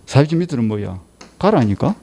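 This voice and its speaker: Gravelly Gyeongsang lecturer scolding his class. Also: medium pitch, very animated, fast talker, warm tone, a little hiss or hum. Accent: Gyeongsang Korean. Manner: scolding, rhetorical questions. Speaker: law lecturer. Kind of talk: exam prep lecture.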